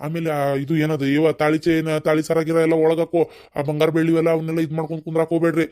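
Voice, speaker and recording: Brisk older cartoon father, as a man plays him, north karnataka accent, crisp close sound. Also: fairly high pitch, monotone, a little mellow, no room sound, lightly acted. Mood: reassuring. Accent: North Karnataka Kannada. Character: reassuring older father-in-law.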